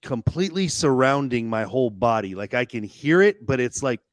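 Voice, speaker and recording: Man, middle-aged, podcast guest, candid storytelling, halting restarts, dry close sound. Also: mid-range voice, lively intonation, no room sound. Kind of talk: personal storytelling in a podcast interview.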